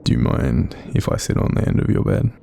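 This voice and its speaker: In this intimate roleplay, an Australian man plays a gentle, apologetic sleep paralysis demon, speaking softly and hesitantly with lots of breath to reassure the listener. His very deep, creaky voice stays close to everyday speech and runs a little fast, with a slight hiss or hum.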